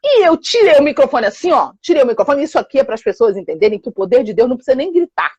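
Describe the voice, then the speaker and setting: Animated woman preacher, husky voice. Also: high-pitched, racing, no room sound, highs cut off. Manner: animated storytelling, acts out scenes with shouts and hushed voices. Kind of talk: testimony preaching.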